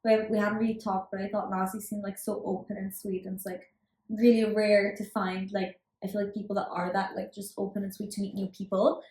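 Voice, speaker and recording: A twenty-year-old woman from Germany talks as a podcast guest, relaxed and chatty, full of casual fillers. Her voice is mid-pitched. It echoes in a roomy space. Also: fairly quick. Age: 20s. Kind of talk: casual chat. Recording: roomy echo.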